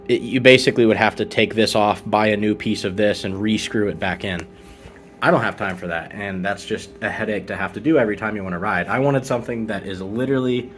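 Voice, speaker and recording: Male motovlogger, lowish pitch, casual explanatory product walkthrough, slight background noise. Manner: informal, conversational explaining. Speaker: motovlogger presenting gear.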